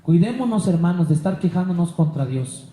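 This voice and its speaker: A man's voice: high voice, expressive, brisk, warm tone. A male pastor from Bolivia, preaching with a Bolivian accent, who acts out the voices of the people in his Bible stories and asks his listeners questions. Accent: Bolivian Spanish. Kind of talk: sermon. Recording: echoey hall.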